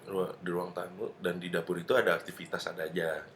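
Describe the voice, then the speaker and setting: A man, chatting on a podcast and telling a story with lively acted-out voices. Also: low-pitched, quick pace. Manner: animated storytelling, acting out voices. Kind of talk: casual chat. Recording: echoey room.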